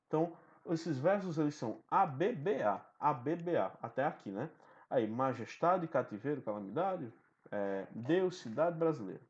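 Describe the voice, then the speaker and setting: A man's voice: fairly high pitch, animated, moderate pace. A man teaching a recorded online lesson, explaining step by step and often checking in with the listener. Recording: dull lo-fi sound.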